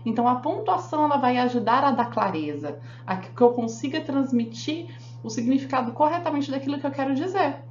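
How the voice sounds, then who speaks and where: Animated woman teaching in an echoey room. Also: fairly high pitch. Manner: explanatory, asks the class frequent check questions. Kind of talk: classroom grammar lesson. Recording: echoey room, dull sound, faint hum.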